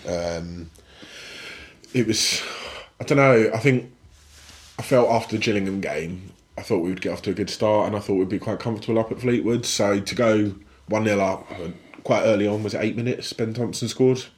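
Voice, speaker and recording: A man's voice: lowish voice, moderate pace. A man co-hosting a casual football podcast, enthusiastic and given to repeating his words. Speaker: podcast co-host.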